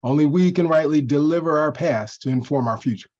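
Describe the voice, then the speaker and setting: A man, a minister, giving a measured, formal historical tribute at a church service. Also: a little high, darkish tone, muffled recording. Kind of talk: church talk introducing a recording.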